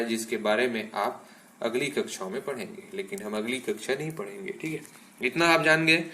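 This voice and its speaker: A man teaching a science lesson with the patient rhythm of a classroom lecture, speaking in an average-pitched voice. He pauses often to check in with his students before moving to the next point, and he slips English terms into his explanations. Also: a bit bright. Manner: explanatory, checks in with "ठीक है" after nearly every point.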